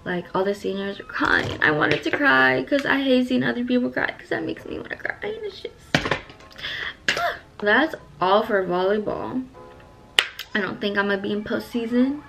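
A woman's voice: on the high side, normal speed, vocal fry. A teenage girl vlogging her morning routine in a casual, chatty way, filling her talk with "like" and slang. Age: teens. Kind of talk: casual chat to camera. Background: background music.

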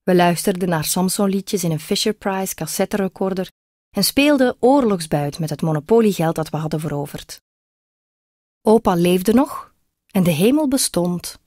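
A woman reading a first-person story aloud in a measured, reflective way. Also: on the low side, lively intonation, a little mellow, no echo, clean studio sound. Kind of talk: audiobook reading.

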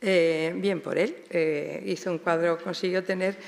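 A woman's voice: fairly low pitch, fairly even intonation, unhurried, vocal fry. A woman curator giving an art history lecture in a large hall, speaking hesitantly with many fillers and tag questions. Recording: long reverb of a big hall.

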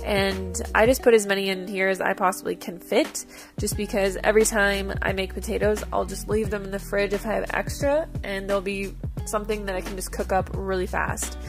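A woman with a mid-range, steady voice talks briskly over background music. She's a vlogger doing a chatty, upbeat voice-over for a cooking video, walking through each step casually.

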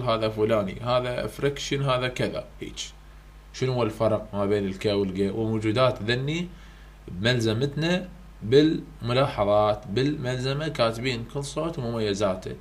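A man with an Iraqi Arabic accent, a university English tutor going through exam question types in a casual, repetitive way, dropping English terms into his talk. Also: medium pitch. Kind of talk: exam-prep lesson.

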